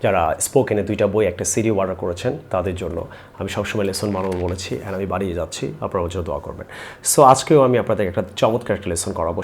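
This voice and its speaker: A man's voice: on the low side, a little mellow, slight background noise. A man teaching a spoken English lesson who spells words out letter by letter and asks and answers his own questions.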